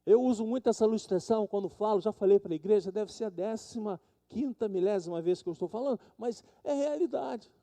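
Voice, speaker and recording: A Brazilian man preaching a sermon in a church. His voice sits high for a man yet sounds very dark and mellow. He throws himself into the stories he tells, swinging his voice up and down as he voices the people in them. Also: fast talker, few pauses. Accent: Brazilian Portuguese. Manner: dramatic, acts out quoted people with big pitch swings. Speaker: pastor. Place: church sanctuary.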